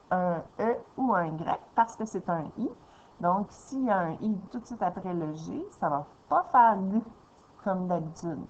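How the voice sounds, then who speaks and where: A woman, a teacher walking a young child through a reading lesson slowly and patiently, step by step. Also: lowish voice, a little hiss or hum. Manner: slow, patient, explaining step by step. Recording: dull lo-fi sound with faint ambience.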